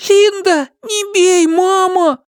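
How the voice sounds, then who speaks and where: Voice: extremely high pitch, steady tone, takes it slowly, no echo, studio quality, voice pushed up. A reader voicing a small, frightened boy who pleads through tears. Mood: pleading. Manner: pleading, tearful.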